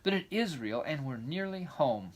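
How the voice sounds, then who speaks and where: A man's voice: fairly high pitch, lively intonation, pitched above the performer's own voice. A man voicing an eager, dreamy orphan girl of about eleven in a storybook, chattering breathlessly and gushing. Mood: breathless rapture. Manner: breathless, gushing, rapid rambling.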